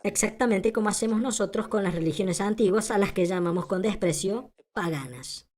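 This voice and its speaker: In a brisk, mid-range voice with a darkish tone, a woman voices over a translated lecture. Her style is emphatic and rhetorical: she restates points and asks the audience questions.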